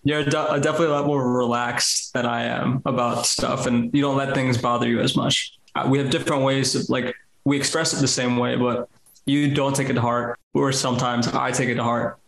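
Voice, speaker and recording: Flat-toned hesitant man, echoey room. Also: medium pitch, a little fast, vocal fry. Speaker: podcast co-host. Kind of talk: casual chat.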